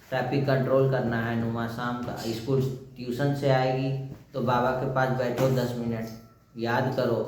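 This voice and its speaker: A man explaining a daily spiritual lesson as a teacher, asking questions and answering them himself. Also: medium pitch. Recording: very echoey room, faint noise.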